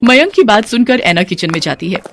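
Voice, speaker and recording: A woman narrating a scripted family story in a plain, steady way. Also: mid-range voice, a little fast.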